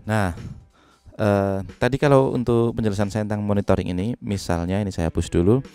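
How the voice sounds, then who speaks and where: Low, mellow man explaining. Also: brisk, smooth, faint music behind. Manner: relaxed, step-by-step explaining with fillers. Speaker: music production tutor. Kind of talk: software tutorial. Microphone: studio microphone into a sound card.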